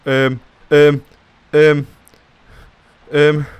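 A man's voice: fairly high pitch, monotone, very slow, clean tone, no echo. A frightened man commenting on a horror game as he plays, jittery, swearing and talking to himself. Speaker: let's play gamer.

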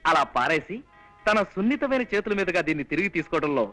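An actor playing a lovestruck comic man who plots to meet a college girl, talking in a brisk, self-pleased way. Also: fairly high pitch, sing-song, bright, forceful tone. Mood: scheming.

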